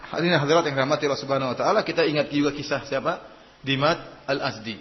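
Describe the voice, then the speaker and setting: A man's voice: fairly high pitch, muffled recording. Man preaching in a reverberant hall. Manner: storytelling with rhetorical questions; acts out dialogue voices. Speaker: Islamic preacher. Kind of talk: sermon.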